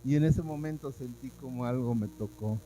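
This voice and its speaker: Emotional pastor preaching. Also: male voice, mid-range voice, moderate pace, mellow, soft background music, poor audio. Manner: emotional storytelling, acting out his own past words. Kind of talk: sermon with personal testimony. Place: church service.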